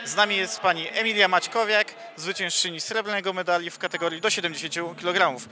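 Brisk, bright-voiced male reporter. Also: sits high, steady tone. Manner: brisk, formal questions. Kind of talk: post-event sports interview.

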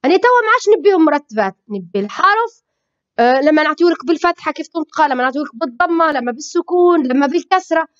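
A woman with a Libyan Arabic accent, teaching a children's phonics lesson with slow, drawn-out syllables, saying each sound twice. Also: sits high, animated, no echo. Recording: dull lo-fi recording.

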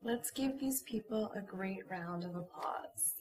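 A woman's voice: mid-range voice, unhurried, darkish tone, lightly acted. A woman playing a confident stage hypnotist who coaxes volunteers and the audience, mixing whispers with stage announcements in an ASMR roleplay. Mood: coaxing. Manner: teasing, coaxing, alternates whispers and stage calls. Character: confident female stage hypnotist, teasing showwoman.

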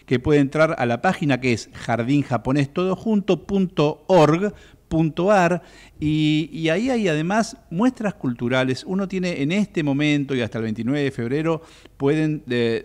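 A man with a Rioplatense Spanish accent hosting a radio interview, speaking in a measured way with frequent hesitant "eh" fillers. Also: fairly high pitch, a little mellow. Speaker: radio host.

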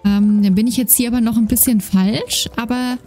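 A woman with a fairly high pitch and fairly even intonation talks at a normal speed through a casual let's-play of a horse game, leaning on lots of fillers. A gaming YouTuber, she has a slight lisp that leaves her final S sounds soft. Game music and horse hoofbeats accompany her desk-microphone recording, which uses a noise gate.

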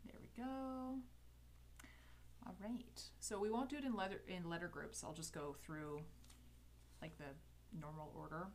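Teaching calligraphy on a livestream from her indoor home desk studio, a woman in her thirties with a Canadian accent rambles casually, cutting herself off to correct things and laughing lightly. Her low-ish voice stays fairly even at a moderate pace, broken by long pauses. The headset recording carries slight background noise.

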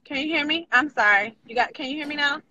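A woman chatting casually while calling in from her car while driving, agreeing along with relaxed slang. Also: sits high, quick pace. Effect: calling in from her car, lo-fi phone line. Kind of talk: casual chat.

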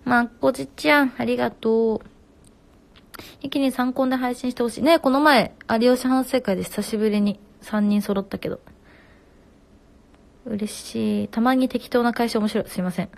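A woman in her twenties hosting a casual live stream at home on her phone. She reads viewer comments aloud and answers them quickly. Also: fairly high pitch, gravelly.

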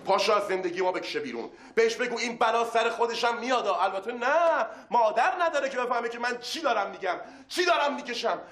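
An actor playing a young, hot-tempered factory worker in a TV drama, angry and bitter. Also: male voice, very high voice, lively intonation, hardly any pauses, fairly bright tone, roomy sound, poor audio. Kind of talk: TV drama acting.

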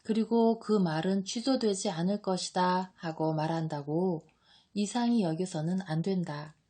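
A woman's voice: lowish voice, unhurried, warm tone, husky. A woman giving voice to a solemn, grave Jesus. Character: calm, solemn male teacher. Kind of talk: audiobook reading.

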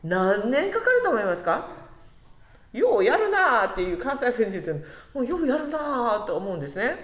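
A woman giving a conversational sermon who asks the congregation questions and slows down on key words. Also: mid-range voice, big pitch swings, a bit bright, echoey room. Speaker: preacher.

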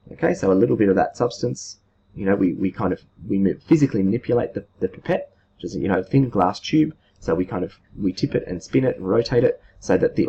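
Male teacher, thirties, low voice, informal step-by-step explainer, dull recording with background noise. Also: darkish tone. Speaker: chemistry teacher, video host. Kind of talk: explanatory whiteboard lesson. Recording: muffled sound with clear background noise.

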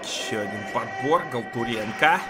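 A man's voice: medium pitch, animated, moderate pace, loud music behind the voice. A man giving live play-by-play ice hockey commentary in short, clipped phrases. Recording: noisy ice rink broadcast.

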